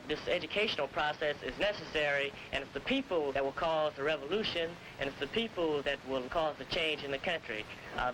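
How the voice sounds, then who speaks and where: Man in a noisy old newsreel clip. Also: a little high. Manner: measured, explanatory, with frequent "uh" pauses. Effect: old newsreel film sound. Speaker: political party spokesman. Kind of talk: archival interview.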